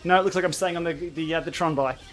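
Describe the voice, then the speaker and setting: A man's voice: a little high, steady tone, fast talker, fairly bright tone, faint music behind. A man hosting a casual livestream, bantering and thinking aloud as he chats during an indoor cycling game. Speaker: livestream host.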